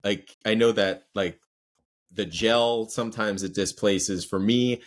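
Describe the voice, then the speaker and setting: Easygoing low-voiced podcast host. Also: male voice, fairly even intonation, takes it slowly. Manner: chatty, reacts with laughs and asides. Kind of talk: casual chat.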